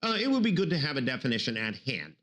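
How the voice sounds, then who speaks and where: A man's voice: mid-range voice, fast talker. A man from Brooklyn, giving a law lecture full of jokes and playful put-on voices. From New York City, Brooklyn. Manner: jokey, animated, acts out silly voices. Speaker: law professor. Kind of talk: recorded bar review lecture.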